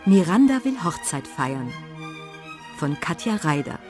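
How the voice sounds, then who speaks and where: A woman reading a children's radio story aloud in an expressive storybook manner. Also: on the low side, a little slow, over music.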